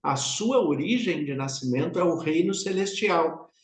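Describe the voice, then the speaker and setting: Unhurried pastor with a São Paulo accent. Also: male voice, on the high side, lively intonation. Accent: São Paulo Portuguese. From São Paulo, Brazil. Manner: unhurried, reflective, speaks directly to the listener. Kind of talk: devotional sermon. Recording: roomy echo.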